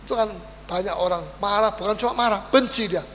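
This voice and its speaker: A pastor preaching a sermon in a church, animated and lively, acting out little quoted exchanges. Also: male voice, high-pitched, fast talker. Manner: animated preaching with acted-out quotes and Dutch sayings. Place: church hall. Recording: reverberant church hall, faint hum.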